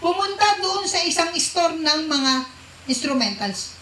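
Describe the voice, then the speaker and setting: A woman's voice: extremely high pitch, very animated, unhurried, bright, forceful tone, slight background noise. A woman preaching a sermon to a congregation, often asking them questions and mixing English phrases into her talk. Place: church hall with a congregation. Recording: echoey church hall.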